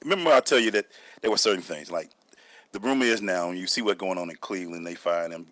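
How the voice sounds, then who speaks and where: A man hosting a sports talk show, chatting rapidly and colloquially about basketball. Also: low-pitched, fairly bright tone, no echo. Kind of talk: casual sports chat.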